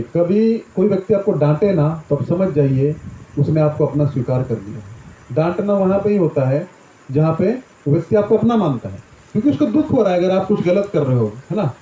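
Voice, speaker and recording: A man's voice: fairly high pitch, dark tone. A man teaching a scripture discourse, explaining with everyday examples and often checking in with his listeners. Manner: explains with homely examples, often asks "right?". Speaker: Gita teacher. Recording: echoey room, dull lo-fi sound.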